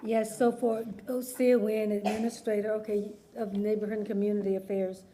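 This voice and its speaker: A woman's voice: mid-range voice, little pitch movement, a little fast, dark tone. A woman who is a city department administrator, answering council questions in a tired, sleepy-sounding way. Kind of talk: answering questions at a public hearing.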